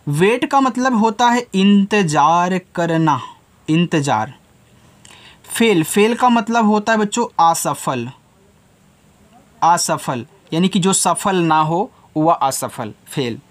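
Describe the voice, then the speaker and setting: A man's voice: high voice, lively intonation, takes it slowly. A man teaching children, spelling out words letter by letter and answering his own questions. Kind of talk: spelling and explaining lesson.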